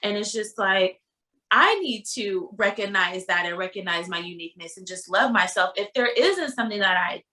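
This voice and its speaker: A woman guest in a casual interview, telling lively stories, acting out dialogue and saying "like" often. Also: mid-range voice, moderate pace. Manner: animated storyteller, acts out dialogue, heavy use of "like".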